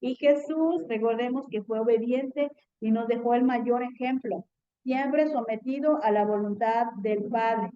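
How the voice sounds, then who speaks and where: A woman's voice: a little high, unhurried, warm tone, clear, resonant tone, muffled recording. A woman teaching a Bible class in an earnest tone, often checking in with her students.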